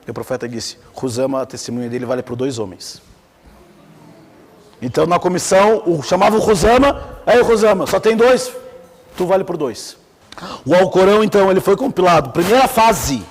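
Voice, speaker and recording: This man's high-pitched voice is brisk and slightly rough, ringing out with a long reverb tail. He has a Brazilian Portuguese accent and delivers an informal Islamic theology lecture, energetically telling stories and quizzing the class.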